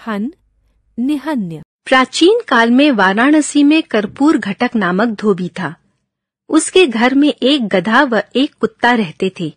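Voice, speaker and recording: A woman teacher reads a textbook lesson aloud, spacing her words slowly and carefully. Her voice is rather high and moves a lot in pitch. The sound is dry and close. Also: dry recording. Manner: slow, careful word-by-word enunciation.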